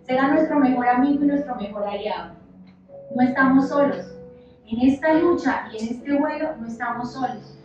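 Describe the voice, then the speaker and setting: A woman in her thirties, a church leader giving an impassioned, conversational sermon that swings between loud and soft. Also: high voice, normal speed. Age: 30s. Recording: echoey, dull church hall sound with music, mic at a distance.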